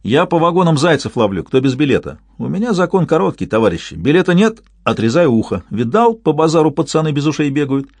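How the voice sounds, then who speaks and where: A man voicing a brash, rowdy young man who bullies and threatens, loud and sing-song. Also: on the high side, sing-song, fast talker, hardly any pauses, husky, no echo, voice pushed up, full character voice. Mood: boastful.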